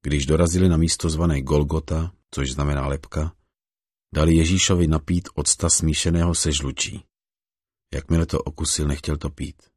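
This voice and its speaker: A man giving a measured, solemn reading of scripture. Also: extremely low pitch, flat delivery, a little mellow, slightly rough, no echo, studio quality. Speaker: scripture reader.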